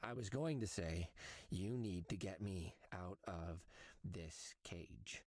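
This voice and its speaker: A man playing a woozy, rattled male cat detective in a cartoon noir game, speaking haltingly. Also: low-pitched, darkish tone, exaggerated voice. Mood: amused, nervous.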